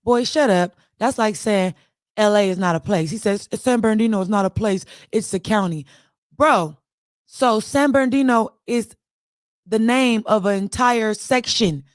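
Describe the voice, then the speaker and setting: A woman's voice: medium pitch, normal speed, no room sound, clean studio sound. A young woman from Los Angeles with a Los Angeles accent, hosting an online audio room with blunt, profane, mocking commentary. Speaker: host. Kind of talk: heated casual commentary.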